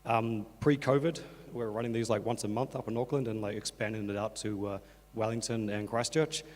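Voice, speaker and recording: A man with a croaky, talked-out voice with creaky starts, giving an informal, filler-heavy stage presentation. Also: fairly low pitch, steady tone, brisk. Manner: casual, hesitant, many fillers such as "like". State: croaky from two days of talking. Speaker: conference speaker, workshop organiser. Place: on stage in a conference hall. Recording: echoey hall, long reverb.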